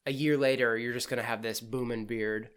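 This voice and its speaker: A man's voice: medium pitch, steady tone, fairly quick, a bit bright, clear, resonant tone. A man hosting a podcast in casual chat, easygoing as he prompts his guest. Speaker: podcast host.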